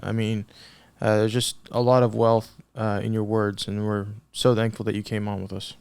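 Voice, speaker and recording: A man's voice: lowish voice, flat delivery, moderate pace, a little mellow, clean tone, dry recording. A man hosting a podcast, thinking aloud in a reflective, casual way with fillers. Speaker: podcast host. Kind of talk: casual interview chat.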